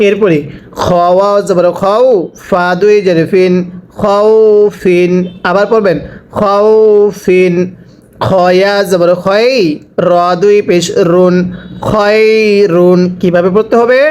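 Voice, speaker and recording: A man teaching Quran reading, spelling out each letter and vowel mark and then repeating the word slowly for learners to follow. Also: high voice, steady tone, darkish tone, dull audio. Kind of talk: slow drilled recitation lesson.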